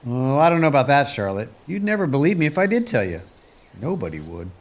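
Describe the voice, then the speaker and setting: Male actor for kindly rural rancher in family drama: folksy old-prospector manner, plain-spoken, very animated intonation. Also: mid-range voice, fast. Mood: wry, gentle. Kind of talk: acted family film dialogue.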